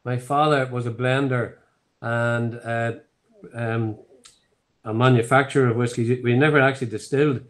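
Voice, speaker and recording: Over a laptop webcam on a video call from his home office, a Northern Irish distillery founder in his 70s tells his story in a rambling, filler-heavy way during an online tasting chat. His voice is mid-range, with fairly even intonation and a moderate pace.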